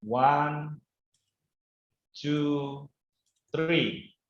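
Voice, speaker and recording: A man at an online event gives brisk instructions for a group photo. His voice comes through a dull, lo-fi call line. It sounds like he is in an echoey room. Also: fairly high pitch, fairly even intonation. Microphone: video call. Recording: roomy, dull call audio.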